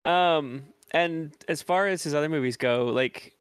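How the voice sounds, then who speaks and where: A man's voice: on the high side, unhurried, clean tone, no echo. Blunt, opinionated man, dry sound. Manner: blunt opinionated critic, stammering restarts. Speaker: podcast co-host. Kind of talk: casual chat.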